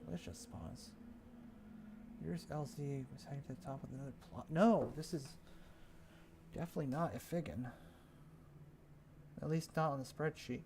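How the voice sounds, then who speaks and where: Gravelly-voiced man musing while working. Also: on the high side, darkish tone, slight background noise. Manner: musing, self-talking, unhurried. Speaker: streamer building a game map. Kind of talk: casual thinking aloud while working.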